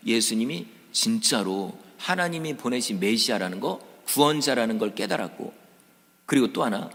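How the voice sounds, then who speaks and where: A man's voice: medium pitch, lively intonation, moderate pace, fairly bright tone. A man preaching a Sunday sermon, talking straight to his congregation and acting out the voices of crowds in the story. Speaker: pastor. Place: church sanctuary. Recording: church hall reverb.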